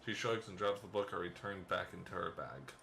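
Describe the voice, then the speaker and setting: A deep-voiced man reads a visual novel's narration aloud for a let's play, slipping in playful asides and small laughs. His voice sits low, with faint noise behind it. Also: animated, a little fast, vocal fry, fairly bright tone. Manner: first-person game narration, playful asides and chuckles.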